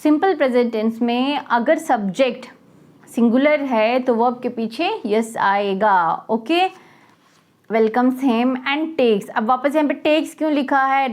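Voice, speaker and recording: A woman teacher with an Indian accent explaining a grammar worksheet to schoolchildren. She reads the English sentences out slowly, then explains them quickly, and asks questions that she answers herself. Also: sits high.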